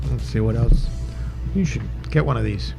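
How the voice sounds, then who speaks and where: A man with a gravelly, crackling voice at a middle pitch reads out local town notices casually. He rambles and mutters asides as he goes, with faint music behind him. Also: moderate pace. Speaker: host of a local town news podcast. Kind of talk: casual reading of local notices with off-the-cuff commentary.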